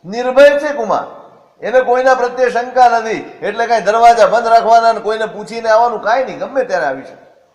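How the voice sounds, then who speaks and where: Guy telling a sermon story, high voice, lots of hall reverb. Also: brisk. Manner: expressive, asks and answers his own questions. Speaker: religious storyteller. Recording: echoey hall.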